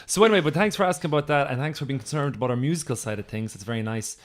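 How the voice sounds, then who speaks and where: An Irish man chatting on his band's podcast in a plain, mid-pitched voice. He joshes around, peppers his talk with "like" and "you know", and lets his sentences drift off. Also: rapid-fire. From Ireland. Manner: jokey, trailing off, many "like" and "you know". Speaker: podcast co-host, band member. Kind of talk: casual chat. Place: at a table with bandmates.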